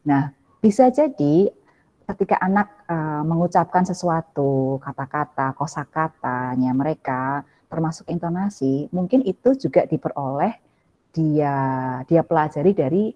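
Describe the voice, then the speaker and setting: A woman speaking on a video call, explaining child development gently and with many hesitations while answering a parent. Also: low-pitched. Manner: gentle, hedging, many fillers and "ya" tags. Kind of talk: live webinar Q&A, explaining to a parent. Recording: dull lo-fi video call audio.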